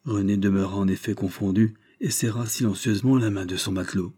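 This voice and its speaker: A man narrating a historical adventure novel as an audiobook, measured and dramatic. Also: lowish voice, fairly even intonation, dark tone, husky. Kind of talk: scripted narration.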